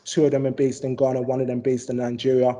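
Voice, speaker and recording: Flat-voiced, mellow man on a panel. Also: medium pitch, fast talker. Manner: steady, with many "um"s. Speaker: panel guest. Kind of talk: casual personal account. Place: video call.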